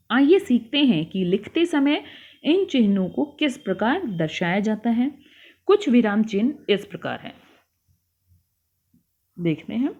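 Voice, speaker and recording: A woman's voice: mid-range voice, slightly rough. A young woman teacher taking children through a worksheet lesson, patient, explaining and repeating things. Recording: tinny phone-like sound.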